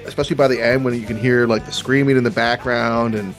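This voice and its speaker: A man hosting a podcast, talking about an album in a relaxed, chatty, self-deprecating way. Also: medium pitch, fast, soft background music. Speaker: podcast host. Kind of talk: casual chat about music.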